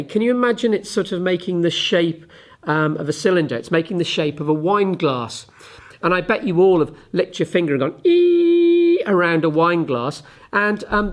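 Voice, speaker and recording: A male physics teacher talks straight to his pupils in a relaxed classroom manner. He fills his pauses with ums and works through ideas step by step while handling a ruler and a tuning fork. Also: a little high. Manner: chatty, fills pauses with ums, demonstrates with objects. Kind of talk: relaxed classroom explanation to camera.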